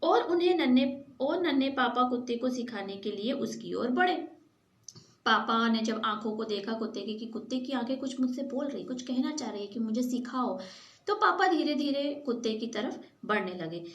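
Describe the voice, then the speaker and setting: High-voiced woman teacher explaining a story. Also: expressive, moderate pace, lo-fi sound. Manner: patient, retells in simpler words. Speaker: school teacher. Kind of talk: reading and explaining a story to a class. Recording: echoey room.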